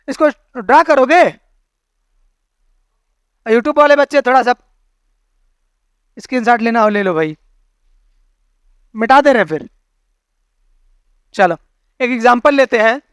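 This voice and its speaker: A man's voice: extremely high pitch, a bit bright, clear, resonant tone, dry recording. Male teacher, classroom lesson, keeps checking understanding, dry close sound. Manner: explains with homely analogies, keeps checking understanding with questions. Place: classroom with students.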